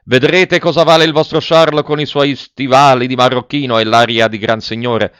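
A man reading aloud voices a furious old miser who shouts and bullies his household, his voice pitched well above his own. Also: steady tone, normal speed, clean tone, no echo, close to an everyday voice. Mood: scolding. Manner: shouting, blustering, bullying. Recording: dull dry lo-fi recording.

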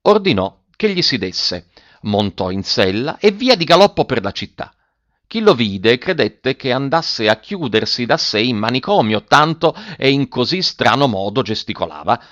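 Male storyteller, animated reading, wide pitch swings, dry close sound. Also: moderate pace, dry recording, dull audio. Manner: dramatic, animated delivery. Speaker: narrator.

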